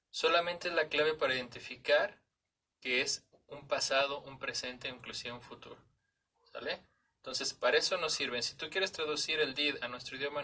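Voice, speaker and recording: A man's voice: mid-range voice, bright, forceful tone, far from the mic. A man with a Mexican Spanish accent teaching English grammar in a conversational way, often checking in with his listener. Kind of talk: explaining grammar in a lesson.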